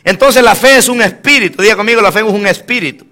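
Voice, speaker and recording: A man preaching a lively sermon as pastor, mixing jokes and stories, calling out to listeners as brother and dropping into quieter asides. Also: high-pitched, quick pace.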